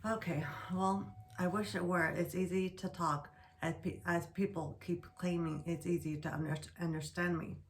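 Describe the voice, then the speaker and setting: Low flat-voiced woman speaking haltingly. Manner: slow halting speech with restarts. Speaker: guest sharing stroke recovery. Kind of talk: reading prepared remarks.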